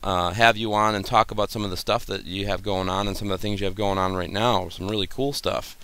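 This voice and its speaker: A man's voice: on the low side, steady tone, brisk, a bit bright, clean tone. A man hosting a live paranormal stream, chatting casually and poking fun at himself. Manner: chatty, self-deprecating. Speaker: host.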